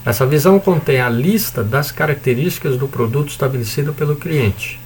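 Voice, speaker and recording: A man's voice: mid-range voice, fairly quick, a little hiss or hum. A man with a Brazilian accent giving an informal recorded lecture, explaining in a chatty way with frequent tag questions and the odd joking swear word. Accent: Brazilian Portuguese. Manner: mild swearing and joking asides. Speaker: university lecturer.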